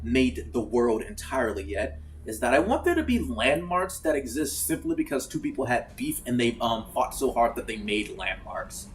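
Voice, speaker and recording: A man chatting casually while playing a game, swearing freely and breaking into loud outbursts. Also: medium pitch, normal speed, hardly any pauses, slight background noise. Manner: animated, swears freely, bursts into shouts. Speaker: gaming streamer. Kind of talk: casual let's-play chat.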